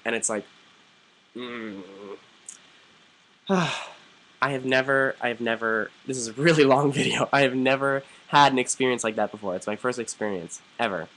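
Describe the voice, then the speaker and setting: A young man vlogging, telling a story casually to the camera with many "like"s and animated quoted voices. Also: mid-range voice, normal speed, poor audio. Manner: chatty, animated, quoting others in lively put-on voices, frequent "like".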